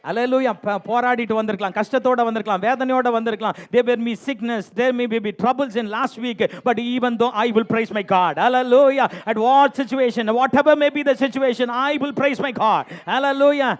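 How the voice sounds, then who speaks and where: A man preaching a lively bilingual sermon in church, exhorting and teasing the congregation and repeating refrains for them to answer. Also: very high-pitched, takes it slowly, few pauses. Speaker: pastor. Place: church sanctuary.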